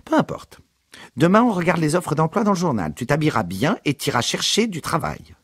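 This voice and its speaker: A man putting on a shrill nagging old mother. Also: sing-song, fairly quick, husky, dry recording, studio quality. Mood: insistent nagging. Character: fussy working-class mother, nagging and shrill.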